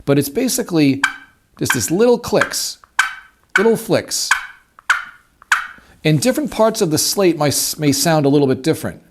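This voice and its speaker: Sitting at a wooden table, this easygoing hunting instructor walks through how to use a turkey call in a relaxed, folksy tutorial. He speaks animatedly at a moderate pace in a voice on the high side, leaving long pauses. Clicks from the call and clear background noise come through.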